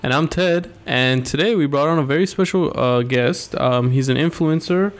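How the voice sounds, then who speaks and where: A young man co-hosting a podcast, easygoing and quick to agree with his guest. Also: on the high side. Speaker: podcast co-host. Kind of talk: casual podcast chat.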